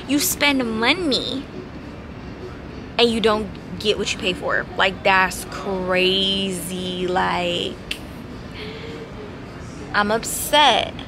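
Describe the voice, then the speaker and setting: Young woman vlogger, sassy and chatty, handheld camera outside at night; gravelly edge, city noise behind. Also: mid-range voice. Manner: chatty, sassy, addresses viewers as y'all and babes. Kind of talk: casual vlog talk to camera. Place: outdoor city terrace at night. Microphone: handheld camera at arm's length. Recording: noisy outdoor city street.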